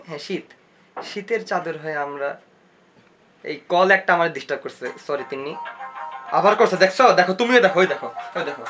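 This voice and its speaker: A man playing a lovesick, tongue-tied young man. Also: fairly high pitch. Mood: flustered. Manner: dreamy murmuring, then flustered and shouting. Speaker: lead character. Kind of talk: comic short-film acting.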